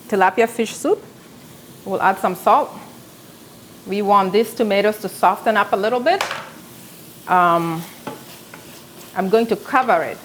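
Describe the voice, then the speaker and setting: A woman in her thirties from South Sudan, speaking with a South Sudanese accent, hosts a live cooking show from her home kitchen, chatting and telling stories as she cooks. Her mid-range voice is captured by a camera on a tripod at medium distance, with slight background noise.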